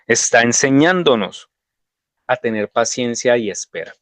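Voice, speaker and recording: A man's voice: medium pitch, expressive, unhurried, a bit bright, dry recording. Man preaching, dry close sound. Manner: conversational, anecdotal storytelling. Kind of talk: devotional sermon with personal stories.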